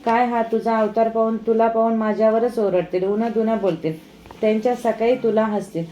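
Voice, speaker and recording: A woman's voice: a little high, fairly even intonation, brisk, mellow, muffled recording, slight background noise, natural voice. A woman voicing a young palace maidservant who questions and frets in a storybook tale. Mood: worried. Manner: questioning, flustered. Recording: echoey room, faint music.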